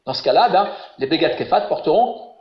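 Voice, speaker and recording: A man's voice: on the high side, expressive, brisk, roomy sound, muffled recording, a little hiss or hum. A man teaching a biblical Hebrew grammar lesson online, patient and encouraging, asking his students questions. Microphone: webinar call audio.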